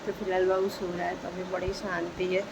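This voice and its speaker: A young woman chatting casually at home in a vlog, talking slowly and softly as she wakes up. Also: fairly low pitch, gravelly, highs cut off. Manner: sleepy, slow and soft-spoken. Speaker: vlogger. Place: dim home at morning. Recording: steady background noise. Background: rain.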